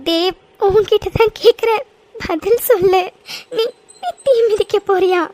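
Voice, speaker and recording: A woman's voice: very high voice, a little slow, darkish tone, faint music behind. Woman voicing a tearful, pleading young woman. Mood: tearful, desperate. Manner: sobbing, stammering pleas. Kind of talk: cartoon voice acting.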